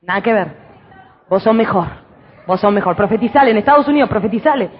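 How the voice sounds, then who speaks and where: In her fervent sermon, this Rioplatense-accented woman pastor swings from shouting to soft, intimate advice. Her mid-range voice is animated, quick and carries a breathy edge, while the audio lacks its top frequencies.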